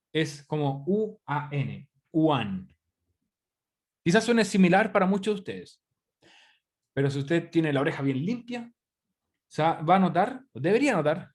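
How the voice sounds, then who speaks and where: A man from Chile, teaching an online English class in Spanish, often checking in with students. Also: a little high. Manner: chatty, asks students questions often. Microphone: computer microphone on a video call.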